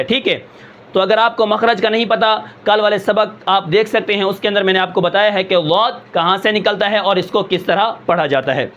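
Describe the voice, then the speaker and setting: A man's voice: high voice, fairly bright tone. A man teaching a tajweed pronunciation lesson as a Quran recitation teacher. He explains patiently, asks himself questions and checks in with "okay". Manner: slows and draws out words to demonstrate sounds. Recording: dull, slightly lo-fi sound.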